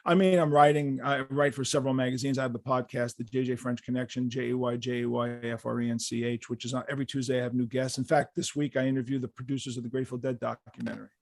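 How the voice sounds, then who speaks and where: An older man, a guest musician, telling stories in an animated, profane, punchy way and acting out the voices. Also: medium pitch, fast talker, hardly any pauses, no room sound. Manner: profane, punchy storyteller who acts out voices. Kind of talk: animated storytelling.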